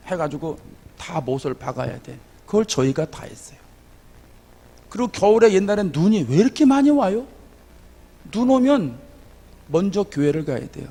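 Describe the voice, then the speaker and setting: A man with a high voice preaches a revival sermon, his words ringing through a church hall with a long reverb. He tells stories with animated, folksy humor and sudden loud emphatic rises. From South Korea. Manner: humorous, folksy asides to the congregation. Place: church sanctuary.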